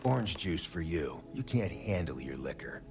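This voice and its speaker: An actor playing a gruff, pragmatic space operative in a video game, blunt and dryly commanding. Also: male voice, low-pitched, very animated, normal speed, faint music behind. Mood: dry teasing. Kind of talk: video game character dialogue.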